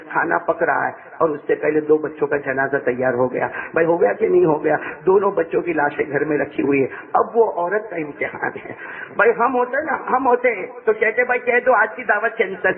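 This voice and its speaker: A man preacher telling a religious story in a dramatic sermon, swinging between raised cries and hushed low passages and often asking his listeners questions. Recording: tinny phone-like sound.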